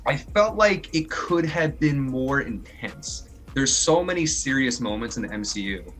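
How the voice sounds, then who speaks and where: A man hosting a podcast, reviewing a film in casual chat, rambling and excitable with swearing. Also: mid-range voice, a little slow, faint music behind. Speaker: podcast host.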